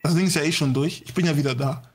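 A man's voice: on the high side, fairly even intonation, rapid-fire. A man in street roleplay, defensive and insistent, repeating that he is back. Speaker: roleplayer defending his return.

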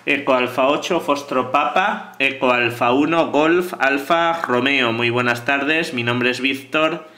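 A man operating a ham radio gives phonetic call signs and contact details a little slowly, with hardly any pauses. His voice is bright, forward and middle-pitched, with slight background noise.

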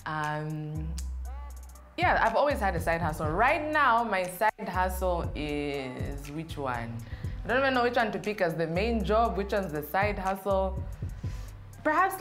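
A young woman from Zambia, a guest in a casual Q&A interview, answers questions in a chatty, playful way inside a studio. Her voice is mid-range and a bit bright.

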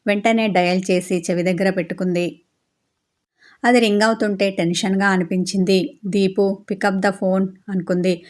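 A woman reading a novel aloud as storyteller, in a steady, even manner. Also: lowish voice. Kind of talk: audiobook novel narration.

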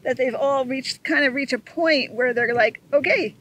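A woman's voice: high voice, normal speed, fairly bright tone, low-quality recording. A middle-aged woman co-hosting a sailing vlog, agreeable and chatty, often chiming in, seated outdoors on open dunes and filmed from a tripod camera. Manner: agreeable, chimes in often with yeah. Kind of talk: casual chat.

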